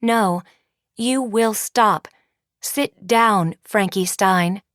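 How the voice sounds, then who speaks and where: A woman's voice: medium pitch, drawn-out words, a bit bright, dry recording, clean studio sound. A woman voicing a cold, clipped ghostly headmistress. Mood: cold commanding. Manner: clipped, commanding, announces each remark with a one-word label. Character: cold colorless female school founder made of words.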